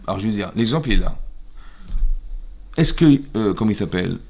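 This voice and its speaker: A man's voice: on the low side, fairly quick. A man, a rabbi, teaching a Torah class in a synagogue, who questions his listeners and acts out quoted dialogue. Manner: lively, asks the audience questions.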